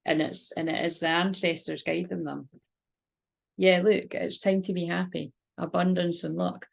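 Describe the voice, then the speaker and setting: A woman's voice: fairly low pitch, steady tone, moderate pace, vocal fry. A woman gives a spiritual card reading in a rambling, informal way, moving between chat and guided relaxation. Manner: rambling, informal, interrupts herself. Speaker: tarot and oracle card reader.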